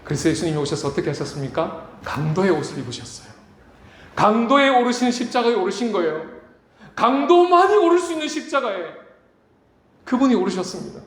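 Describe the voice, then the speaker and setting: A man's voice: sing-song, fairly quick, slight background noise. A man preaching a sermon as pastor, acting out voices as he speaks. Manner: dramatic preaching, acts out quoted voices with big pitch swings. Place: church sanctuary. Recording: echoey church room, faint ambience.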